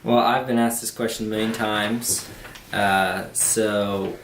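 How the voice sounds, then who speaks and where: A man's voice: on the low side, little pitch movement, slow pace, a bit bright. A man in his twenties from Pennsylvania, chatting casually and telling stories in a matter-of-fact way on a home vlog. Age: 20s. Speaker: vlogger. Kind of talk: casual chat. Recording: roomy home video with faint noise.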